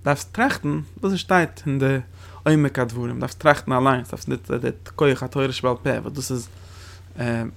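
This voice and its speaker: Gravelly-voiced man teaching a text lesson. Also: mid-range voice. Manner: rapid explanatory delivery with rhetorical questions. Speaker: Torah teacher. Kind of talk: lecture explaining religious texts.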